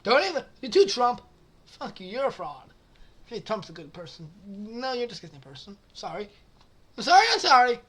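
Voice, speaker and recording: Woman, casual reaction commentary, higher-pitched voice, lively up-and-down delivery, giggly, crude, swears a lot, keeps apologizing. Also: moderate pace, husky. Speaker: channel host reading forum posts.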